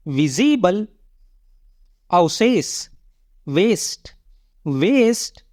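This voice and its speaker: Very slow, dry word-list reading voice. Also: mid-range voice, no echo. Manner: measured, even recitation of word and meaning. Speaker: vocabulary teacher. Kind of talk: slow word-list drill, each word read twice.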